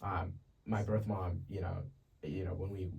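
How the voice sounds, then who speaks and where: A young man from Ethiopia, a podcast guest, sharing his life story in a relaxed, chatty way. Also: sits low, measured pace, gravelly, lo-fi sound. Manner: relaxed and chatty, laughs easily. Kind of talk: casual testimony. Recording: distant mic with faint ambient noise.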